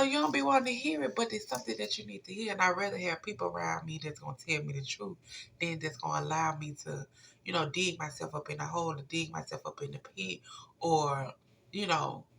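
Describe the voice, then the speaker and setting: Gravelly, bright-voiced tarot reader giving advice. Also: mid-range voice, slight background noise. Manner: earnest, advising, plain-spoken and informal. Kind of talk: casual spiritual reading message to viewers.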